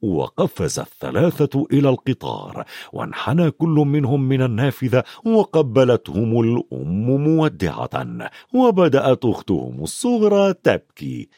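A man narrating a children's storybook in an expressive, scripted reading. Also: medium pitch, moderate pace, no echo, studio quality. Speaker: audiobook narrator.

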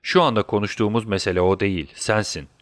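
A man's voice: lowish voice, fairly even intonation, fast, fairly bright tone, no room sound, clean studio sound, natural voice. A man voicing a scheming, mocking villain doctor in a storybook reading, gloating and taunting.

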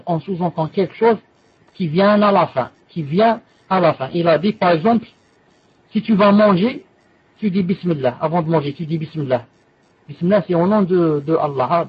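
A man's voice: high voice, breathy edge, lo-fi sound. A man giving a religious lesson, patiently explaining a classical text with repeated everyday examples and quoted Arabic passages. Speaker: Islamic teacher.

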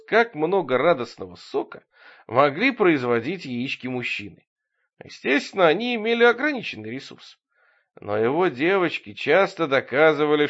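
A man reads an audiobook in an ironic, expressive way, with a lively, wide-ranging pitch. The recording is dull and lo-fi. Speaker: audiobook narrator. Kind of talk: scripted audiobook narration.

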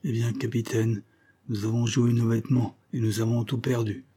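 A man's voice: mid-range voice, little pitch movement, moderate pace, mellow, slightly rough, voice pushed up, close to an everyday voice. A man voicing starving, half-frozen sailors who speak weakly and shakily. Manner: weak, quavering.

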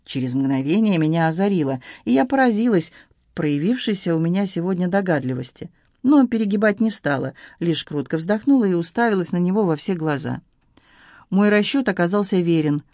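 A woman's voice: on the low side, expressive, fairly quick, mellow, no room sound, clean studio sound. Woman narrating an ironic audiobook. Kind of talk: first-person novel narration.

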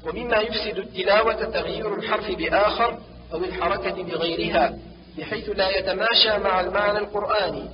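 A man teaching the rules of Quran recitation, reading them out and chanting short examples slowly. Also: high voice. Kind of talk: instructional reading. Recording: distant, lo-fi, with long reverb and clear background noise.

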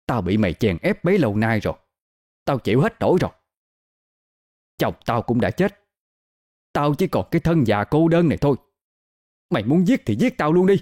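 Man doing a old village ghoul widow, shrill scolding, horror storybook. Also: very animated, moderate pace, long pauses, a little mellow. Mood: aggrieved. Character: spiteful old village widow, secretly a flying-head ghoul.

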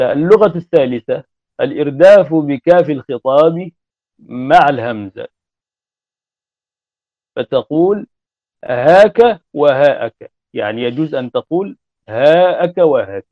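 A man giving a classroom grammar lecture, repeating and spelling out word forms deliberately. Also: medium pitch, expressive, no echo. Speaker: grammar teacher. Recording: dull lo-fi recording.

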